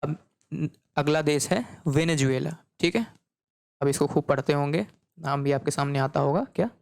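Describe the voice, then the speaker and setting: A man's voice: fairly high pitch, smooth, dry recording, clean studio sound. A man teaching geography in a recorded lecture, checking in often and repeating each point back as a question. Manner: repeats key points as quiz questions, frequent "okay" checks.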